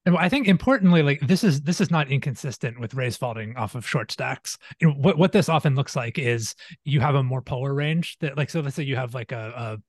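A man's voice: medium pitch, animated, a little fast, few pauses, dry recording. A man hosting a podcast, talking through strategy analytically with many fillers and restarts. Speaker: podcast host. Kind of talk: casual strategy discussion.

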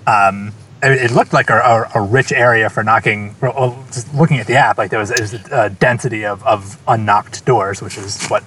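A man casually telling a story about canvassing door to door, halting with many restarts and fillers. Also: fairly low pitch, fairly even intonation, fairly bright tone, slight background noise. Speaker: campaign volunteer.

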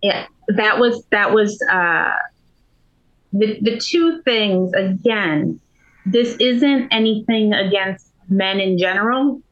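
A woman's voice: medium pitch, a bit bright, highs cut off. A woman poker player on a podcast, explaining earnestly with hesitant restarts and "um"s. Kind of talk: podcast conversation.

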